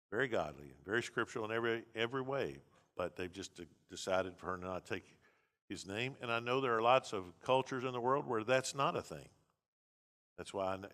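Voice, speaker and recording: A man's voice: fairly low pitch, a bit bright. A man, a pastor teaching a seminary class in a blunt, conversational lecture with many restarts.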